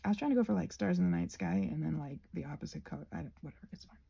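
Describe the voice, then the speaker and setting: An ASMR creator rambles to viewers while crafting, her low, husky, breathy voice carrying a gravelly creak at the edges. She talks quickly yet softly and mellowly, often dropping to a near-whisper. Hesitant and self-deprecating, she lets her thoughts trail off.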